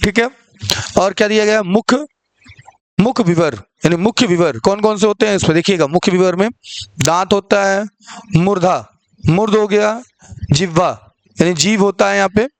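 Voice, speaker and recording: A male teacher with a fairly high voice talks through an online lecture. He keeps asking the class questions and answering them himself, checking in often. The sound is dry and close, with no room echo. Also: moderate pace, pauses often. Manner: repeats "ठीक है" often. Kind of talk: online exam-prep lecture.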